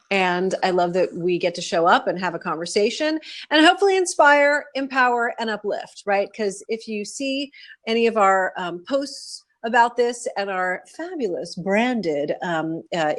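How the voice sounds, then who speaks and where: A woman's voice: medium pitch, animated, moderate pace, a bit bright. A middle-aged woman co-hosting a casual live-stream chat over a webcam, bubbly and chatty, laughing often. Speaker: co-host.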